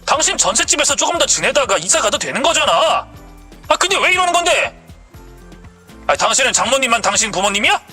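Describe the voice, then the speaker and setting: A woman's voice: high-pitched, sing-song, a little fast, bright, forceful tone, soft background music, voice pushed up, heavily acted. A woman reading the part of an indignant husband who defends his mother and accuses his wife.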